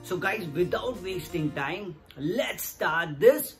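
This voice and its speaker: A man's voice: sits high, lively intonation, slow pace. A man, explaining to camera in a casual, earnest way and repeating his points to viewers. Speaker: vlogger. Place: small indoor room against a plain wall. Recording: music playing underneath.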